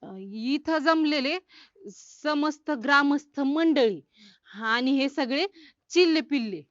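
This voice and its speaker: A hesitant new village head speaks haltingly. Her voice is somewhat high, and the recording is dry and a little dull. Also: no echo. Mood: practicing. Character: nervous new village sarpanch woman.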